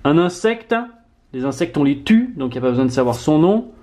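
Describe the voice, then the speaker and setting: Excitable man opening card packs at home. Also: fairly high pitch, a little fast, slight background noise. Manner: animated, excitable, swings from muttering to loud exclamations. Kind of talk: casual card-opening vlog. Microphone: camera mic on tripod.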